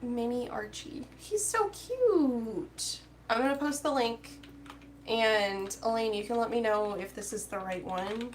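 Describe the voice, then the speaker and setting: A woman's voice: fairly high pitch, steady tone, normal speed, slight background noise. Chatty woman crafting and talking to viewers. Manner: chatty and rambling, reading out viewer comments, many fillers. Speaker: crochet vlogger chatting with live viewers. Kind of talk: casual crochet-along chat.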